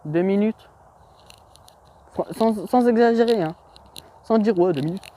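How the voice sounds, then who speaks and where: A man's voice: high voice, a little slow, dark tone. A young man telling anecdotes in a rambling, slangy, self-mocking vlog, full of hesitations. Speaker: vlogger. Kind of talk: casual storytelling vlog.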